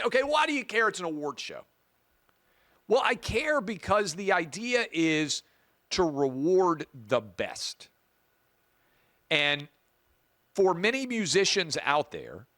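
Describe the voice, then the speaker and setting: A booming-voiced man hosts a talk show, delivering emphatic opinion commentary and repeating key points for effect. His tone is bright and forceful, and there is no echo.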